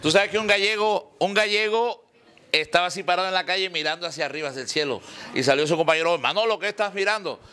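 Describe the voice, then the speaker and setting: His voice sits high, fast, pushed and bright. This man in his forties is a salsa singer at an indoor press conference in a restaurant, seated at a table, cracking jokes, laughing frequently and talking with boisterous enthusiasm into table mics and then a handheld one.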